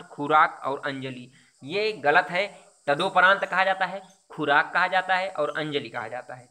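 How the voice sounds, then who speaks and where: A man's voice: on the high side, pushed and bright. A man teaching Hindi, going through exam questions one by one, explaining each answer with repetition and rhetorical questions. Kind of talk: exam quiz lesson.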